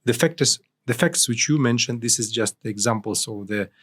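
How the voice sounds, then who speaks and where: A man from Ukraine, speaking as a guest analyst in an interview, with halting phrasing and frequent restarts. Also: mid-range voice, a bit bright, husky. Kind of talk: interview discussion.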